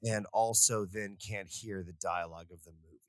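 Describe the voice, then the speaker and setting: Man with a low voice, rambling. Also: normal speed, dry recording, studio quality. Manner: rambling, animated storytelling with frequent asides. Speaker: podcast co-host. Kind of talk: casual chat.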